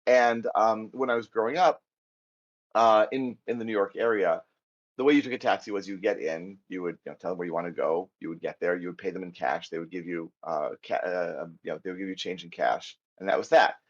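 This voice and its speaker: In a live coding lecture, a middle-aged American instructor chats, jokes at his own expense and narrates his thoughts as he types. His voice is deep and brisk, and the audio is dull.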